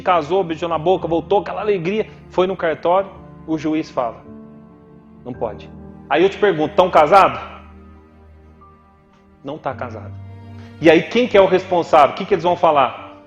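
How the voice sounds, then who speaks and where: Male instructor, Brazilian Portuguese accent, playful preacher cadence, quizzes the class; muffled lo-fi recording. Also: a little high. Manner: joking, preacherly, asks the class questions. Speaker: course instructor for wedding celebrants. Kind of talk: lively teaching talk to a class.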